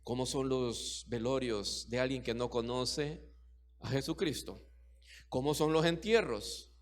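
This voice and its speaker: A man's voice: mid-range voice, unhurried. A middle-aged man preaching a sermon as pastor, emphatic and repetitive, full of rhetorical questions.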